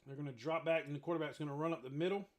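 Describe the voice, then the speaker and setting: A man giving casual live reaction commentary on a football game, chatty and eating between plays, with sudden excited outbursts. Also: on the high side, racing.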